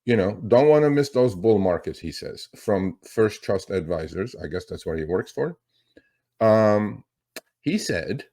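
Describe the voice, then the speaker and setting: A man's voice: on the low side, a little mellow. A middle-aged man hosting a finance show, talking casually and rambling, with many fillers and restarts. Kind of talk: casual market commentary.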